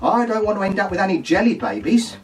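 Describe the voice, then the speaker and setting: A man playing a gossipy, saucy pantomime dame in a camp, shrill, mock-scandalised voice, delivering a comic monologue. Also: very animated, fast, distant mic, faint music behind. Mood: scandalised, indignant. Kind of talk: comic monologue full of puns.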